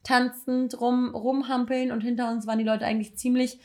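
A woman co-hosting a podcast, telling a weekend story in casual chat with quick bursts of laughter. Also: fairly high pitch, flat delivery, darkish tone. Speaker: podcast co-host.

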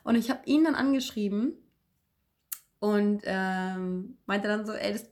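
A young woman chatting in a relaxed podcast conversation. She tells her stories in an animated way, full of little fillers and restarts, and her pitch sits in the middle of the range. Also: a little slow. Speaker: podcast co-host. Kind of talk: casual chat.

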